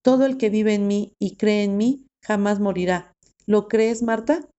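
A woman reading aloud the lines of Jesus, a calm male teacher, in a plain voice. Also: mid-range voice, unhurried, lo-fi sound, natural voice. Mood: solemn.

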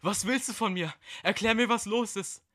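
A man voicing a desperate, crying male wretch, broken by guilt, in a dramatic story reading. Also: normal speed. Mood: desperate pleading. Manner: high, pleading, shouted questions.

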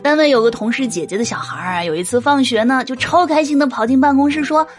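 Talking fast in a high-pitched, animated voice, a woman in her thirties, herself a mother, delivers a comic storytelling monologue about her family. Between jokes she frequently breaks into laughter, and faint music sits in the background.

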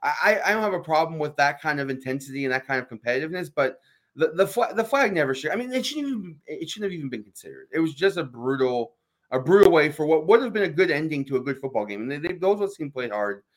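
A man's voice: a little high, expressive. A man co-hosting a sports talk show, making emphatic points and often asking "right?". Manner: fast, emphatic, fills with "right?".

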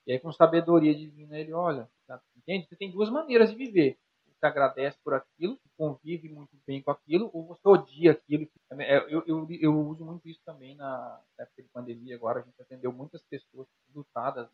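Fast-talking husky Brazilian man. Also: fairly high pitch. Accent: Brazilian Portuguese. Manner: animated, talks to the listener directly with rhetorical questions. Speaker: psychologist guest. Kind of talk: conversational explaining with examples. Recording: dull lo-fi sound.

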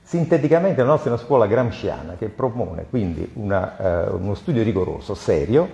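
A man speaking for a school as an interview guest, formal and somewhat halting. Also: lowish voice, lively intonation, vocal fry, warm tone. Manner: measured, halting. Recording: echoey, dull lo-fi sound.

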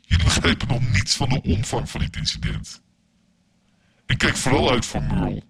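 A man's voice: medium pitch, normal speed, gravelly, a bit bright. Man doing a distorted glitchy anonymous caller. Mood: ominous. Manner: warning, terse and ominous. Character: anonymous threatening male caller, cold and secretive. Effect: distorted, glitchy voice-changer on a phone voicemail. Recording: distant voicemail playback with faint noise.

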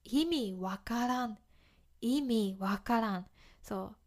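A woman teaching phrases in a casual podcast, speaking slowly and clearly with a light tinge and short English glosses. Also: on the high side. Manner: slow, clear explanations mixing in English glosses. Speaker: Japanese language teacher.

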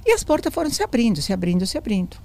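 Racing and gravelly, on the high side, this woman in her sixties or older speaks Portuguese with a foreign accent while telling her story as an interview guest. She's an animated storyteller, acting out quoted dialogue and repeating phrases.

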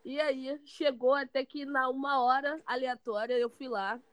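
A woman hosting a casual interview podcast, enthusiastic and upbeat, with quick interjections of approval. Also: high voice, steady tone, dry recording, poor audio. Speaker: podcast host.

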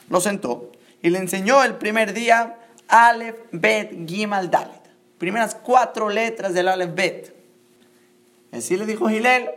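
A man teaching a lesson, retelling a Talmud story in a lively way and checking in with his listeners. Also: high-pitched. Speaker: religious teacher.

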